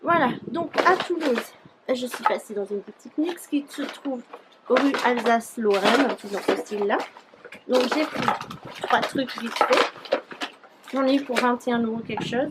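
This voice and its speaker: A woman's voice: a little high, normal speed, heavy background noise. A young woman chatting casually through a beauty haul vlog, rambling with many fillers. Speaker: beauty YouTuber.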